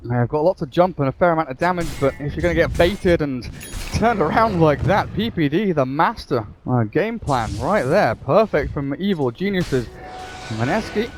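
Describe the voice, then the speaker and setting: A man giving animated live play-by-play commentary on a video game match as an esports caster. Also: on the high side, moderate pace, faint music behind. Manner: animated play-by-play, rising with the action.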